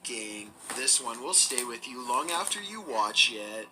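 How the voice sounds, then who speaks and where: A man's voice: medium pitch, noisy background. Man narrating a spooky countdown. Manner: steady, measured storytelling delivery. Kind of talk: scripted narration.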